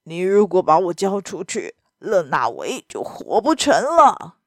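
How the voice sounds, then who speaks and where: A woman voicing a scheming middle-aged male baron, a villain in a storybook reading, speaking low and sneering. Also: sing-song, unhurried, dry recording, studio quality. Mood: mocking.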